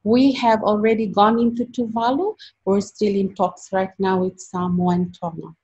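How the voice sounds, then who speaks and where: A woman's voice: medium pitch, steady tone, moderate pace, warm tone, slightly rough. A woman founder answering judges' questions, hesitant with many fillers. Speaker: startup founder pitching. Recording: dull lo-fi sound.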